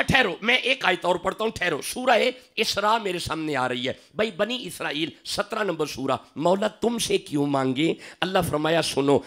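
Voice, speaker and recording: A man with a Pakistani accent preaching a fiery sermon to a gathering, calling out questions to the crowd and slowing down to recite verses. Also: high voice, creaky, bright, forceful tone, slight background noise. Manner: fiery, calls out to audience for responses, slows for recitation. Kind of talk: religious sermon.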